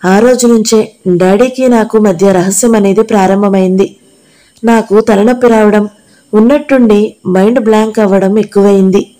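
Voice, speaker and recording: A woman reading the part of a gravely ill young woman dancer, speaking softly and with sorrow. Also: mid-range voice, fairly even intonation, normal speed, close to an everyday voice. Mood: sorrowful.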